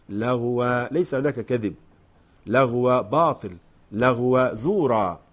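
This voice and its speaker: A man teaching Quran recitation. He shifts between slow, melodic chanting of verses and quick spoken explanations of pronunciation. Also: medium pitch. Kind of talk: Quran recitation lesson with commentary.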